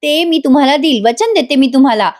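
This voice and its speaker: A woman reading the lines of a sharp, annoyed young wife. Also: high voice, expressive, brisk. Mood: indignant.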